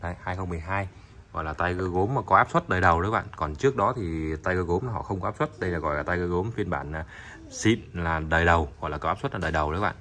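Talking very fast in a low but fairly bright voice, with slight background noise, an online seller pitches used Japanese rice cookers. His chatty video showcase takes place in a tiled indoor room, the goods laid on the floor, and he often repeats himself while addressing viewers directly.

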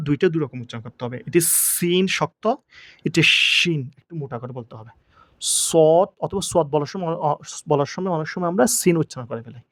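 A man teaching the pronunciation of Arabic letters for Quran reading. He asks questions and answers them himself, and he draws each letter sound out slowly. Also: a little high, no echo, clean studio sound. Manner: slow, drawn-out letter sounds.

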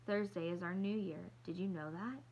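A woman's voice: lowish voice, moderate pace, creaky, darkish tone, breathy edge, muffled recording. A woman reading aloud, voicing a young girl who talks in a plain, matter-of-fact way. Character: young girl Ellen, calm friend.

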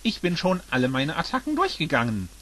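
A man's voice: on the high side, huge pitch swings, brisk, fairly bright tone, heavily acted. A man voicing Yoshi, a fretful dinosaur. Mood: worried. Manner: fretful, reasoning aloud. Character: anxious male dinosaur, worried and helpless.

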